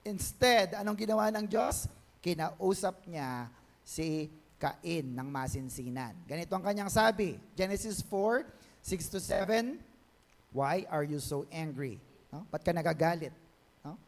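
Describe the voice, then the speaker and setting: A male pastor with a Filipino accent, preaching a Bible-teaching sermon and mixing Tagalog with English. He often asks the church for an amen and draws key phrases out slowly. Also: sits high, lively intonation, vocal fry. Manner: mixes Tagalog and English, calls for amens, stretches key words slowly.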